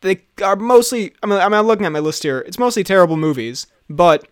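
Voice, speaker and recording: Guy cohosting a chat podcast, kinda high voice, laughs a lot, dry close mic. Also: animated, quick pace, clear, resonant tone, dry recording. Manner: laughs often, rambling with restarts. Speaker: podcast co-host. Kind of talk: casual chat.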